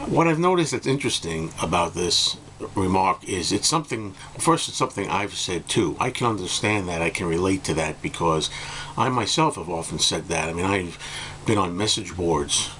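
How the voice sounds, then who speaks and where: A middle-aged music vlogger reviews albums to camera in a low, slightly hoarse voice, like he's just woken up. He's animated and a bit bright at normal speed, rambling casually with hesitations and circling back. Faint noise hangs in his home room lined with bookcases.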